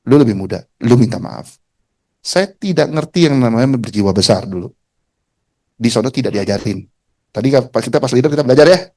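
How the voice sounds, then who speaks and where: A man giving a talk to an audience, telling a personal story in casual slang and acting out the other people in it. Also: medium pitch. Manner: colloquial Jakarta slang, animated, mimics voices. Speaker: motivational speaker.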